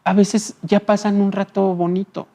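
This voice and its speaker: A man who sits high in pitch appears as a psychologist guest in an interview, explaining things calmly. He hesitates often on fillers and checks in with short tag questions.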